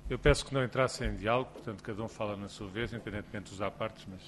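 A man with a European Portuguese accent chairs a committee hearing, handing the floor to speakers. He talks fast, brisk and formal. A faint hiss sits under his voice. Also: lowish voice, a bit bright. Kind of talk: procedural chairing.

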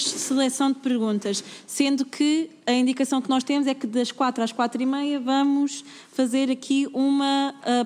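A high-pitched woman in her thirties with a European Portuguese accent runs a parliamentary committee session, friendly and practical with plenty of fillers. Her voice carries a long reverb, as in a large chamber. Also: darkish tone. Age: 30s. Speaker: committee chair, young MP. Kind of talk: chairing a formal session.

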